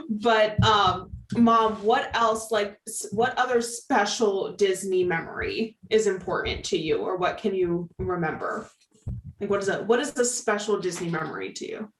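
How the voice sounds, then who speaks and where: A young woman hosts a podcast and interviews her mother in a relaxed way, using "like" often. She sounds set back from the microphone. The room has a clear echo. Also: medium pitch. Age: young adult. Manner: casual, many "like" fillers. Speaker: podcast host. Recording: echoey room, distant mic.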